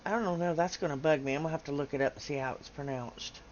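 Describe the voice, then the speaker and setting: A woman's voice: low voice, quick pace, a little mellow, lo-fi sound, slight background noise. A woman hosting a casual game livestream, chatty, laughing often and tripping over names. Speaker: livestream host.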